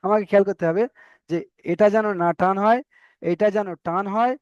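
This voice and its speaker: A man with a high voice leads an online Quran reading class, patiently spelling out Arabic letters and drawing them out slowly. His voice sounds dry and close, with a dull, lo-fi quality from the call. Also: clear, resonant tone, no room sound.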